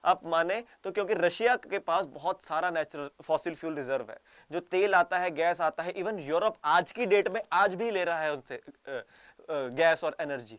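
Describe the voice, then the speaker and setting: A man's voice: sits high, clear, resonant tone, no echo. A young man teaching current affairs in a casual exam-prep lecture, chatty and jokey, acting out quoted officials.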